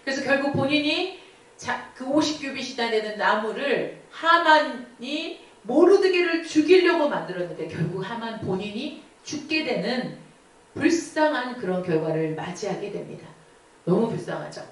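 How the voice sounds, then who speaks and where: Woman youth preacher, storytelling sermon, high lively voice, echoey church hall. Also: normal speed, recorded from a distance. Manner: animated, asks the listeners questions.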